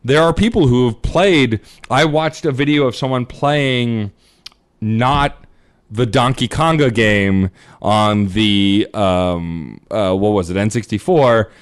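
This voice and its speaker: A man's voice: mid-range voice, slow pace, clean tone. Chatty male podcast co-host. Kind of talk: casual chat.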